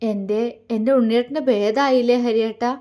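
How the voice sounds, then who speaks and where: A woman narrator voicing a heartbroken young woman who speaks softly and haltingly, repeating words through tears. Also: on the high side, fairly even intonation, close to an everyday voice. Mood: tearful, pleading. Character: young woman, heartbroken, tearful and self-effacing.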